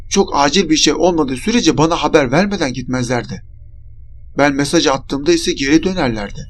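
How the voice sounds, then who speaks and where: Brief: male storyteller, fairly high voice, dramatic first-person horror narration. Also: fairly bright tone.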